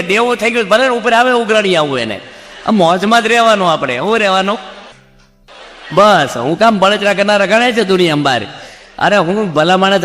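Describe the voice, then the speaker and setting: A monk gives a jokey sermon in a fairly high voice, turning to the crowd with questions again and again. His voice rings through a long-echoing hall, with soft music underneath. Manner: jokey, keeps asking the audience questions. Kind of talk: humorous sermon. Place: assembly hall before a seated audience. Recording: reverberant hall with faint music.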